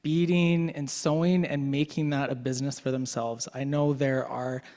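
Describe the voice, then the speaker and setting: A man's voice: mid-range voice, flat delivery, normal speed, a little mellow. A young man from the Yukon, an event MC with a slightly worn voice, telling self-deprecating jokes in casual banter to the crowd. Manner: joking, self-deprecating storyteller. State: voice getting worn. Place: large event hall. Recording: long hall reverb.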